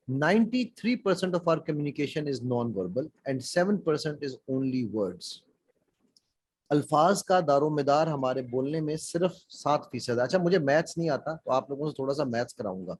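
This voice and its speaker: A man's voice: medium pitch, a little mellow, breathy edge, no echo, rough recording. A man leading an interactive speaking workshop on a call, asking the class questions and mixing in English phrases. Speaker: public speaking trainer. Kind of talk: interactive online workshop lecture.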